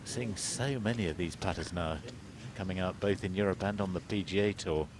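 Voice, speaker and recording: A man's voice: deep voice, moderate pace, background noise. A man giving live golf commentary as the co-commentator, analysing play in a conversational way.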